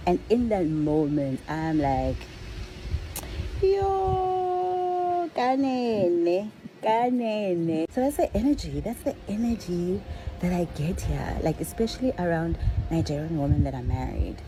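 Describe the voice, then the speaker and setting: Low-voiced woman vlogging. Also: normal speed. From South Africa. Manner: animated, acts out quotes, conversational. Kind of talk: casual storytelling vlog. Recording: noisy background.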